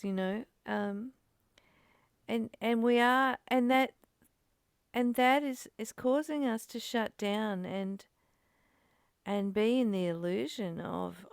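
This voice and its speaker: Her voice slightly high, creaky and smooth, a woman leads a study group, reading passages and commenting earnestly on them in a reflective spiritual discussion, with frequent repeated phrases. The audio is clean studio sound, with no room sound.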